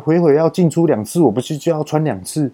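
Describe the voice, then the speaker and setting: A man's voice: fairly high pitch, expressive, fast talker, mellow, slightly rough, pitched above the performer's own voice. A Taiwanese-accented man quoting a rude air-con technician. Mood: grumbling. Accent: Taiwanese Mandarin. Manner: brusque, grumbling retorts. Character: rude, impatient male air-conditioner technician.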